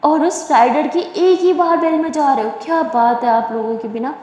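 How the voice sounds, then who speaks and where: A woman's voice: high-pitched, normal speed, darkish tone, natural voice. A woman voicing an innocent, chatty young woman who pleads, whines and jokes playfully, in an echoey room. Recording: echoey room with long reverb.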